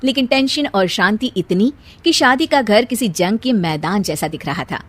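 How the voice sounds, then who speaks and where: A woman narrating a cartoon story in a dramatic, even storytelling manner. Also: mid-range voice, moderate pace.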